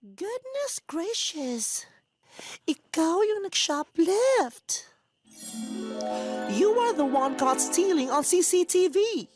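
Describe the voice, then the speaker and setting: An over-dramatic, shocked woman in soap-opera style, as a woman puts her on. She drags out every word in a very high voice that swings wildly up and down. Clear music plays under her. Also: big pitch swings, full character voice. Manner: drawn-out, theatrical exclaiming.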